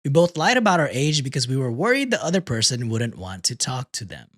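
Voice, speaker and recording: A laid-back man reads posts aloud on a casual podcast, his pitch rising and falling a lot as he goes. He talks in loose slang and often laughs between lines. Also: very animated, fairly quick, fairly bright tone. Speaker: podcast host reading stories.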